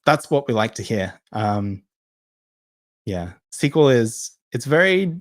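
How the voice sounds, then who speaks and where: A man's voice: medium pitch, very animated, a little slow, no room sound. A man hosting a casual live Q&A, reading out viewer questions and answering in a chatty way with lots of ums and restarts. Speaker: host of a live Q&A session.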